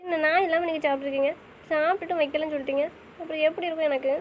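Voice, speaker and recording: A woman acts out an audio drama in a pleading, questioning manner. Her voice is high and her delivery quick, with faint noise behind it. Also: steady tone, highs cut off. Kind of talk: casual audio drama acting.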